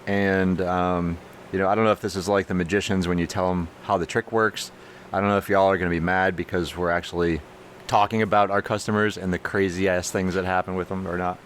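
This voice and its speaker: A man's voice: fairly quick, a little hiss or hum. A man co-hosting a casual podcast, telling bar stories with lots of energy and acted-out voices. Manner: animated, jumps high when acting out the story. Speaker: podcast co-host, brewery owner. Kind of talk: casual storytelling chat.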